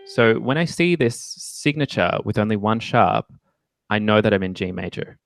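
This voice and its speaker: A man's voice: lowish voice, expressive, normal speed, creaky, slight background noise. A man teaching music theory in a casual one-on-one lesson, chatty and explaining step by step, with playful jokes and self-teasing asides. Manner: chatty explaining with many ums and okays.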